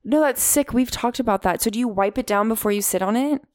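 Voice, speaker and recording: A woman co-hosting a casual podcast with a fairly high voice. She talks bluntly and swears freely. She tells quick stories and acts out what others said. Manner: blunt, profane, quick storytelling with acted quotes. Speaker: podcast co-host. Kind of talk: casual chat.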